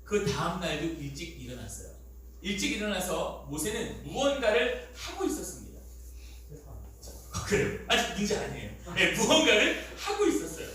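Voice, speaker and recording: An animated man preaching to middle schoolers and quizzing his listeners, his high, bright voice jumping widely. He is recorded from off the microphone in a very echoey church hall. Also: normal speed, distant mic, a little hiss or hum. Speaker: youth pastor. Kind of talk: lively sermon for middle schoolers.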